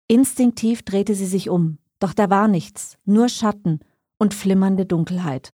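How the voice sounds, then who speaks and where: A woman reading a scripted dark fantasy story as narrator, in a measured, suspenseful way. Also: mid-range voice, husky, no room sound, studio quality.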